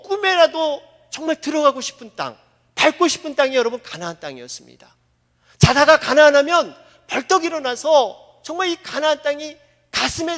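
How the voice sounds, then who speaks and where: A male pastor preaches in a church sanctuary, his voice pitched very high and swinging widely. He is impassioned and voices the quoted figures himself. A long hall reverb trails each phrase. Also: a bit bright. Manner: impassioned, voicing Moses and God in quoted lines. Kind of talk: sermon.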